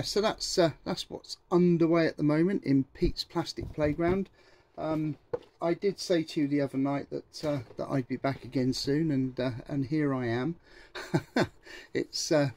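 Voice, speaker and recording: A man's voice: fairly high pitch, darkish tone. A man in his sixties chatting casually and hesitantly as he builds scale models in his hobby room. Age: 60s. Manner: rambling, hesitant, full of ums and restarts.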